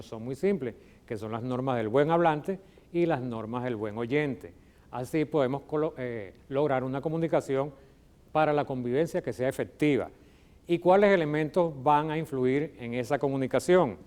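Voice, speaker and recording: A Venezuelan man teaching a lesson on television in a mid-range voice, neither high nor low. He walks through the ideas patiently and keeps checking in with the viewer. He sounds like a teacher at a whiteboard. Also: normal speed, darkish tone. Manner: explanatory, checks in with frequent "ok?". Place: studio with electronic whiteboard.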